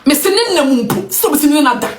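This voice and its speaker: High, lively Ghanaian woman ranting. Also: fast talker, noisy background. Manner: emphatic, mixes English with Twi. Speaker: online commentator. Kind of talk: passionate opinion rant.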